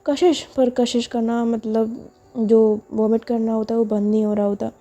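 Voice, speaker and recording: A woman's voice: on the high side, monotone, normal speed, dark tone, faint music behind. A woman telling a love story in a chatty, casual way, with many fillers. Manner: chatty, repetitive narration with fillers. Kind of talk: casual spoken narration.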